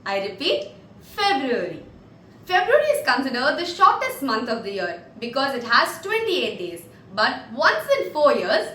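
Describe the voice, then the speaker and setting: A woman gives a spoken lesson, and her high voice moves up and down a lot. She pronounces words carefully and repeats each one for her learners. The room she is in is echoey. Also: sharp tone, slight background noise. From India. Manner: repeats each word slowly and clearly for learners. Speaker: English teacher.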